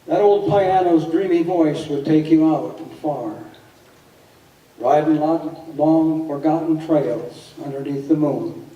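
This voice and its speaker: Male cowboy poet, very dark mellow drawl, unhurried recitation, echoey room. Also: fairly high pitch. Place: live on stage at a gathering. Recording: echoey hall, distant microphone.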